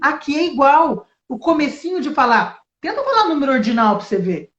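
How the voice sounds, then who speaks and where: High-voiced woman teacher, echoey. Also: a little fast, slight background noise. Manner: lively, explains with spoken examples. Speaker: English teacher. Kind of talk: relaxed interview chat. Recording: echoey, dull lo-fi sound.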